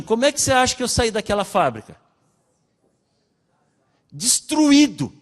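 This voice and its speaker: A man with a Brazilian Portuguese accent and a high voice gives a sermon testimony. He acts out the dialogue with big swings in pitch and loudness. His voice rings with the long reverb of a church hall. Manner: storytelling, acting out dialogue with shifting pitch and loudness. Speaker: pastor.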